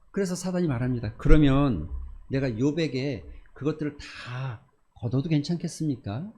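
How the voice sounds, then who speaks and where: A man's voice: on the high side, a little mellow. A man preaching as a pastor in a church. He stresses his points by repeating phrases and by putting questions to the congregation. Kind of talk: sermon. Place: church sanctuary.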